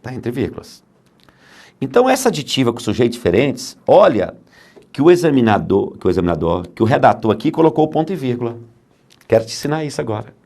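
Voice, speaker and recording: Lively, emphatic male grammar teacher. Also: medium pitch, fast talker, vocal fry. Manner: emphatic, asks and answers his own questions. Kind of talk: grammar lecture for exam prep.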